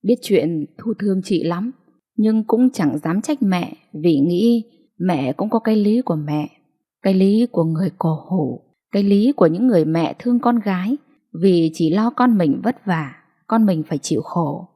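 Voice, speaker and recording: A woman narrating a late-night audiobook in a smooth, even storytelling voice. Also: lowish voice, normal speed.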